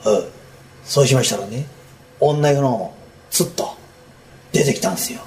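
A man voicing Kuma, a bumbling, smitten Edo townsman who rambles sheepishly in rough street speech, in rakugo storytelling. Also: medium pitch, moderate pace, darkish tone, slight background noise, voice pushed down, close to an everyday voice.

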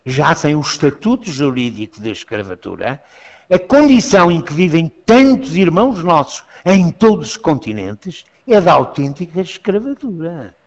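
A man's voice: a little high, big pitch swings, moderate pace, darkish tone. A man, a Jesuit priest, talking earnestly in an interview, often repeating words as he goes. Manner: earnest, repeats words, quotes sermons aloud. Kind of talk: conversational interview. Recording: dull lo-fi sound with long reverb.

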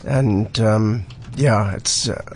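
A mountain guide who appears weekly on the radio chats casually in a studio, his low voice husky from a cold. He's relaxed, filling pauses with "um" and often repeating words, and there's slight background noise.

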